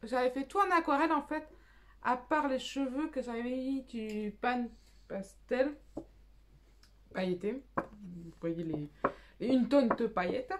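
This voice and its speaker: A woman's voice: fairly high pitch, a little slow, long pauses, slight background noise. A young woman hosting a coloring channel, chatting casually at home, rambling with many fillers and restarts. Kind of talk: casual chat, showing coloring purchases.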